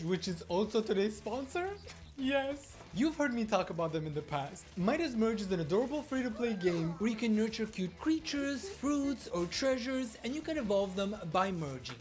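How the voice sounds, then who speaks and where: Woman doing playful commentary over music. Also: mid-range voice. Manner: playful, gossipy, slangy. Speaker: host of a commentary video. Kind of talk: casual reaction commentary with sponsor read. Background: background music.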